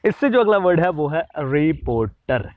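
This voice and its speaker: A man giving a pronunciation lesson, slowing down to sound out example words one at a time. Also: a little high, sing-song, no echo. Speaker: English pronunciation teacher. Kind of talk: explanatory lesson. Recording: dull lo-fi audio.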